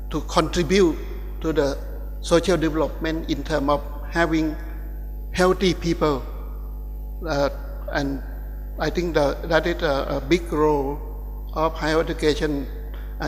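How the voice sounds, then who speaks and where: A man from Thailand with a Thai accent, giving a keynote lecture at a university ceremony in a halting way, with many restarts. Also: on the high side, in a large hall. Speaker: guest lecturer. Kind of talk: academic keynote speech. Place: large ceremonial hall.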